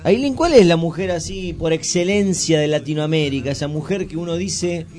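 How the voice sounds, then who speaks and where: An Argentine man co-hosting a radio show, playful and animated, steering the chat with questions. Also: on the high side, normal speed, soft background music. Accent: Argentine Spanish. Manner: playful interviewer, animated, keeps steering the talk. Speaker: radio co-host. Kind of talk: casual radio banter.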